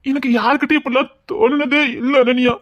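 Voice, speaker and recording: A man with a Tirunelveli Tamil accent, playing a scheming young man who talks softly and wheedles. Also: very high-pitched, steady tone, brisk, dull audio. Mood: wheedling. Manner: soft wheedling voice that turns mocking. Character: scheming young man, fake-tearful, later cold and harsh. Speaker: actor in a skit. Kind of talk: melodramatic skit acting.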